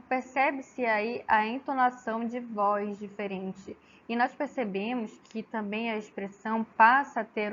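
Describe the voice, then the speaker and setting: A woman from gives an academic talk, halting, with frequent tag questions and restarts. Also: a little high, a little hiss or hum. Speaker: student presenter. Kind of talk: academic oral presentation. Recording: slightly dull lo-fi with faint ambience.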